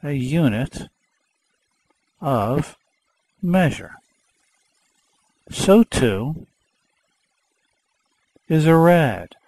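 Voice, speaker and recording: A man's voice: a little high, sing-song, extremely slow, vocal fry, long pauses, darkish tone, husky, dry recording, low-quality recording. A man teaching a math lesson patiently, repeating key words and explaining through a simple story.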